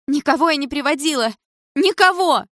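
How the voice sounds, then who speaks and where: A shrill, hysterical mother , put on by a woman narrator, screaming back far above the reader's usual low voice in an audiobook quarrel. The sound is dry and close. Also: a little fast, pushed and bright, no echo. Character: hysterical frightened mother, middle-aged woman.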